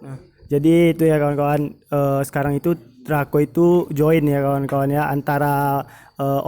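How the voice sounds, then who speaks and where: A man with a fairly high, dark-toned voice hosts a motovlog, interviewing a racing team in a casual way. He's chatty and leans on fillers, often turning to address his viewers as friends.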